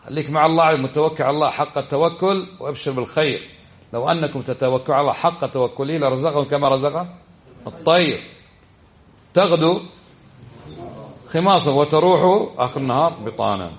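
A man's voice: on the high side, brisk, lo-fi sound. A man giving a religious lesson, exhorting his listeners and often asking them questions. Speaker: religious teacher.

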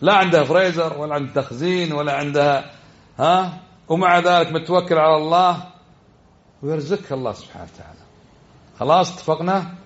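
A man's voice: on the high side, fast, highs cut off. A man giving a religious lesson, exhorting his listeners and often asking them questions. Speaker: religious teacher.

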